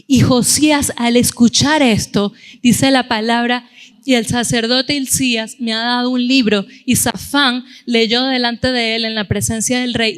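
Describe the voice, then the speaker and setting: A middle-aged woman preaching a sermon in a church, telling stories in a lively way and acting out the voices of the people in them. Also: fairly high pitch, smooth, in a large hall. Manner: animated storytelling, acting out quoted voices.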